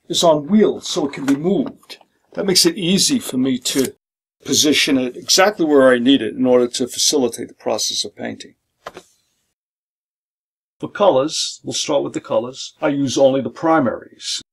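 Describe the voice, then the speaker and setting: A middle-aged man, an art instructor, calmly and methodically walks through his painting supplies, listing them one by one. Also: mid-range voice, gravelly. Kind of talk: instructional demonstration. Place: home art studio, indoors.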